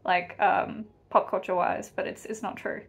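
A woman's voice: medium pitch, flat delivery, moderate pace, creaky. An Australian woman hosting a reaction video, chatting in a casual, emphatic way.

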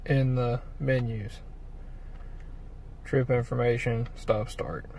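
A man's voice: medium pitch, steady tone, slow, a little mellow, slight background noise. Folksy man filming his truck. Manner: rambling, folksy, with fillers and restarts. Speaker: vlogger reviewing truck accessories. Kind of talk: casual walkthrough vlog. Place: inside a pickup truck and outdoors by a trailer.

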